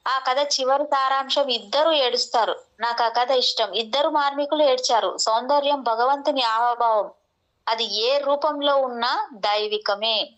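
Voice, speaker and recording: A woman slowly reading a spiritual text aloud, with a few restarts. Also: high voice, a bit bright, highs cut off. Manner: slow, measured reading with restarts.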